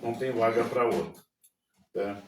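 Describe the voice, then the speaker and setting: A man's voice: medium pitch, moderate pace. Reflective man co-hosting in a roomy space. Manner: reflective, frequent check-in tags. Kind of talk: casual religious chat. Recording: roomy, distant mic, faint noise.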